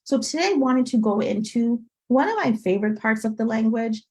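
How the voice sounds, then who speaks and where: A woman with a slightly high voice leads an online class, upbeat and teacherly. She keeps checking in with her listeners as she goes. Her voice comes through a video call. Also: lively intonation, a little fast, darkish tone, low-quality recording. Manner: upbeat teacherly, frequent "okay?" check-ins. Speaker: French tutor. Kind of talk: live online class for parents.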